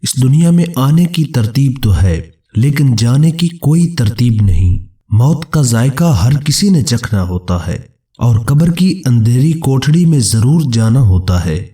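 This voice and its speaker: A man giving a solemn, measured scripted religious narration, speaking as a preacher to his listeners. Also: mid-range voice, expressive, warm tone, recorded from a distance.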